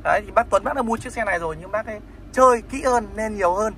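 A man talks quickly in a high voice, hawking a motorbike with salesman patter. He is recorded outdoors on a phone camera, with faint background noise. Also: a bit bright. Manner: fast salesman patter, repeats short tags. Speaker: motorbike dealer vlogger. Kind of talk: casual selling vlog.

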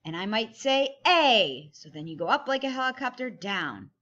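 A woman's voice: a little high, big pitch swings, moderate pace, bright, forceful tone, lo-fi sound. A woman with a kindergarten teacher's manner, giving simple step-by-step instructions to young children and stressing key words.

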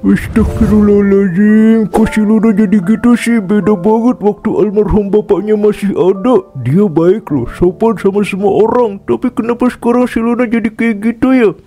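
A man's voice: sits high, steady tone, moderate pace, hardly any pauses, mellow, faint music behind, lightly acted. A man doing a fussy cartoon neighborhood chief. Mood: concerned. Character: neighborhood head, fussy middle-aged man. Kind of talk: cartoon voice acting.

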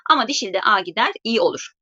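A woman teaching Russian grammar in a live online lesson. She explains patiently and slows down to say each example. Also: mid-range voice, lively intonation, bright, forceful tone, muffled recording.

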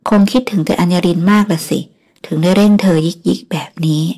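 Woman narrator, romance audiobook, steady storytelling, lowish voice. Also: a little fast, breathy edge. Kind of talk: scripted romance novel narration.

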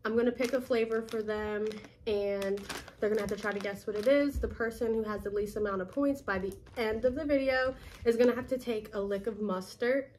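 A chatty young woman hosts a casual challenge video. She is upbeat, her voice sits a touch high, and faint noise runs underneath. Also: steady tone, a little fast, a little mellow. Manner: upbeat, chatty, with frequent fillers. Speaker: YouTube host.

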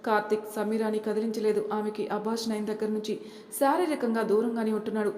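A woman narrating a family story in a steady storytelling voice. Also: medium pitch, quick pace, slight background noise. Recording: echoey room with long reverb.

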